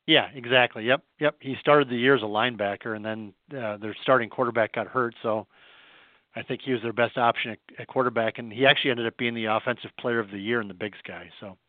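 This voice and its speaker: A man's voice: medium pitch, fairly even intonation, no echo. Man on a tinny phone line. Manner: plainspoken, unhurried, thinks aloud. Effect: heard over a phone line. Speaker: sports writer guest. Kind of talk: casual phone interview.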